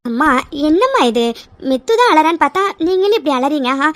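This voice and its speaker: A woman's voice: sits high, very animated, a little fast, dry recording. A woman voicing a playful, teasing young woman in a cartoon drama. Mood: coaxing. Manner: teasing, bossy.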